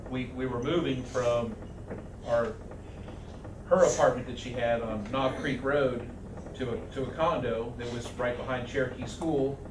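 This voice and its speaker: A man speaking at a memorial, halting with many restarts and fillers. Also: medium pitch. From Arizona. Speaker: eulogy speaker. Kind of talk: memorial speech. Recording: echoey hall from far off, noisy.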